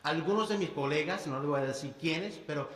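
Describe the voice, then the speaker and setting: Halting Puerto Rican man, echoey hall. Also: on the high side, a bit bright. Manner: halting, many restarts, slips into English words. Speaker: state legislator. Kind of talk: press conference speech. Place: bill signing event indoors. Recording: echoey hall with long reverb.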